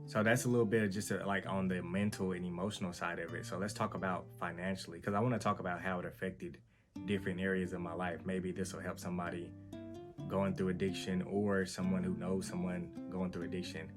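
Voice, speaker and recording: A man's voice: deep voice, little pitch movement, fairly quick, music in the background. A man hosting his own show, candidly telling his personal story in an earnest, self-correcting way. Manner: earnest, candid, repeats himself and restarts often. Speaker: host. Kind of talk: personal testimony vlog.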